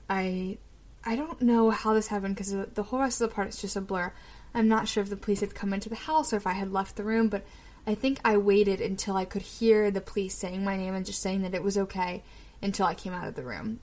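Young woman, casual storyteller, chatty and rambling with fillers, mid-pitched voice. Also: fairly quick, a little mellow. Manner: chatty, many fillers and restarts.

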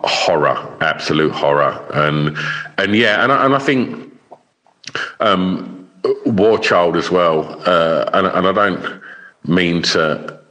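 Bloke, really really deep voice, chatting casually, keeps stumbling and restarting his words. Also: animated, pushed and bright. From Essex, England. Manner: halting, stammering over words. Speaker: interview guest, charity fundraiser. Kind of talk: casual chat.

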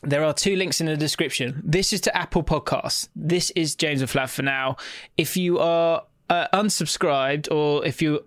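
A man's voice: on the high side, moderate pace, fairly bright tone, no echo, studio quality. Effusive man hosting a podcast. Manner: effusive, gushing. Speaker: podcast host. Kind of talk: casual, rambling appeal to listeners.

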